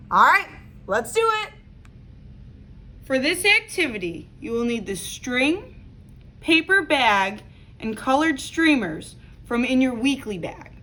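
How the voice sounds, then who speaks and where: A woman's voice: a little high, a bit bright. A woman teaching young children a craft step by step, speaking to them directly in simple instructions. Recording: clear background noise.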